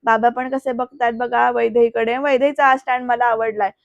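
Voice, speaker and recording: Woman, high voice, flat intonation, chatty serial recap, talks to viewers, dry dull recording. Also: normal speed, creaky, no echo. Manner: chatty, addresses the viewers directly. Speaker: TV serial reviewer.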